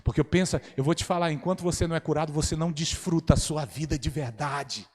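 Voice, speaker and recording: A man preaching a sermon as pastor, animated and rising to loud exclamations, in a church hall. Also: fairly high pitch, fast. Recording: long church hall reverb.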